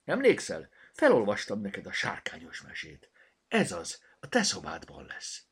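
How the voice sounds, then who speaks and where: Man playing a fussy old granny in a storybook, mumbly, kinda husky, raised voice. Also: fairly low pitch, huge pitch swings, pitched above the performer's own voice, heavily acted. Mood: musing. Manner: mumbling, fretful. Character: fussy, absent-minded kindly old grandmother.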